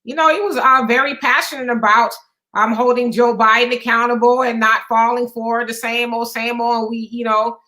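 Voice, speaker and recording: A woman's voice: a little high, flat delivery, normal speed, sharp tone. A woman co-hosting a casual political talk show, chatty and meandering with lots of fillers. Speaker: co-host.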